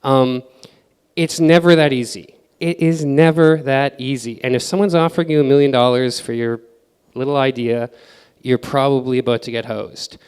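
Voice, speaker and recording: Male conference speaker, relaxed filler-laden delivery, clear voice with hall echo. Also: medium pitch, moderate pace. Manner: casual, filler-heavy advice with acted-out quotes. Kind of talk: conference presentation. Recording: reverberant hall.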